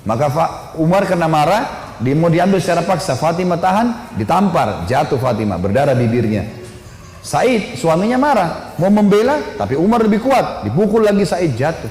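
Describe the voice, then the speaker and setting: A man telling a story as a sermon, animated and casual, voicing the people in his story and dropping in filler tags. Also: a little high, normal speed. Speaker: preacher. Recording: echoey hall with faint ambient noise.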